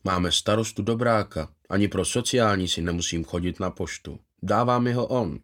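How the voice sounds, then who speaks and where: A man voicing a gentle, contented former footballer in his fifties, who talks eagerly and proudly about his past. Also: deep voice, lightly acted. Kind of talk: voiced character in a read story.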